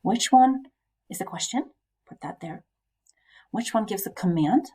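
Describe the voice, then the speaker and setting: A woman's voice: medium pitch, lively intonation, measured pace, warm tone, breathy edge. A woman teacher talking through a recorded lesson, explaining step by step with frequent fillers and questions to her students.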